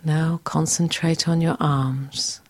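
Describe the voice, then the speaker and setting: A woman guiding a scripted relaxation exercise in a soft, soothing, breathy, near-whispered voice. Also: low-pitched, steady tone, slow pace. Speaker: relaxation guide.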